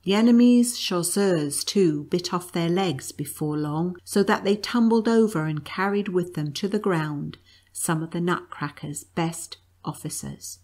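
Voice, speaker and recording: A woman's voice: lowish voice, unhurried, a little mellow. A woman reading a classic storybook aloud, giving the quoted lines more expression. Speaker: storybook reader. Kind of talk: read-aloud storybook narration.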